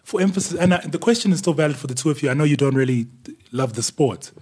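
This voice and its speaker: A man's voice: a little high, expressive, fast, a little mellow, breathy edge. A man hosting a sports talk show, asking probing questions in a casual panel chat.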